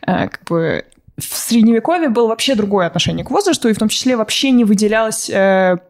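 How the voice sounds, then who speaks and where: Young woman explaining with many pauses. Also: mid-range voice, lively intonation, darkish tone. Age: 20s. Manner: explains at length, hesitant with many "uh" fillers, apologetic. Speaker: podcast guest. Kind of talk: casual podcast chat.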